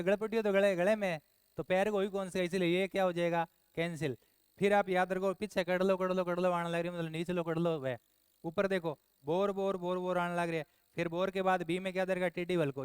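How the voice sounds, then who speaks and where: A man from Rajasthan teaching an exam answer walkthrough, brisk, quizzing his listeners and scolding them in asides. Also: high voice, clear, resonant tone, no echo.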